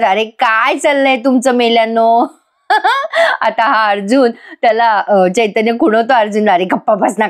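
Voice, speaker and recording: A woman recapping a TV serial episode in a chatty voice-over, talking straight to viewers and acting out the characters' lines. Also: on the high side. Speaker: TV serial reviewer.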